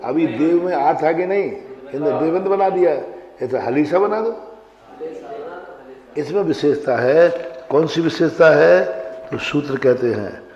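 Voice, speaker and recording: A man, a monk, teaching Sanskrit grammar to a class, quizzing students and chanting rules slowly. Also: fairly high pitch, lively intonation, a little mellow. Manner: questions the class and recites rules in slow chant. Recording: dull, roomy hall recording.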